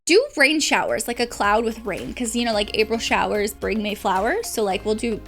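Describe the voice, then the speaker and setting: A woman who vlogs about books and hosts readalongs chats casually and enthusiastically about reading. Her voice is on the high side and a bit bright, at a moderate pace, with soft music playing in the background.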